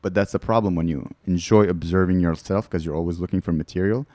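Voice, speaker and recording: Deep-voiced comedian telling frank stories. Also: male voice, quick pace, mellow, no room sound. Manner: candid, rambling storytelling with bursts of laughter. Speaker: comedian guest. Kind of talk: casual podcast chat. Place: studio.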